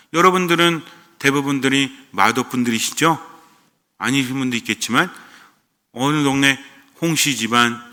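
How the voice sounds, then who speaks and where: Male priest, standard Seoul-style accent, very bright tone, conversational sermon, long church reverb. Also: medium pitch. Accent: standard Seoul-style Korean. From Gyeonggi Province, Korea. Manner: conversational, asks the congregation questions.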